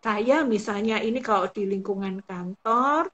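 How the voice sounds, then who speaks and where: A woman's voice: medium pitch, measured pace, a bit bright. A woman giving patient, explanatory advice as a guest counselor in a live-stream talk. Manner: patient, explanatory, acts out example phrases. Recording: dull lo-fi live-stream audio.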